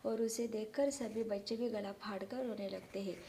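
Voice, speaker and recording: A woman's voice: medium pitch, fairly even intonation, moderate pace, warm tone, slight background noise. A woman teacher who retells a story for her pupils and stops often to explain words and idioms.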